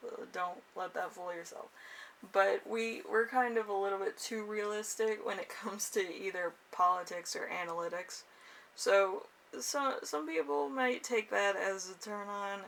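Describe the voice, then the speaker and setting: Gravelly low-voiced woman reading tarot. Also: fairly bright tone. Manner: rambling and hesitant, trailing off with frequent chuckles. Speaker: tarot card reader and channel host. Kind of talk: casual, improvised tarot horoscope reading. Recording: noisy room, distant microphone.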